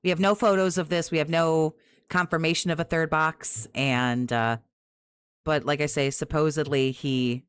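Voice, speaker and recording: A woman with a raspy voice full of vocal fry, giving casual, sarcastic commentary as she mocks another stream. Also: sits low, fairly even intonation, moderate pace, no echo.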